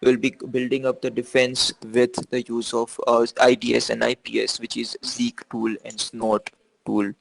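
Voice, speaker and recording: Male course instructor, very gravelly, mid-pitched, hesitant, video call. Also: monotone, moderate pace, rough recording. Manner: hesitant, many fillers and restarts. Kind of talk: online class Q&A.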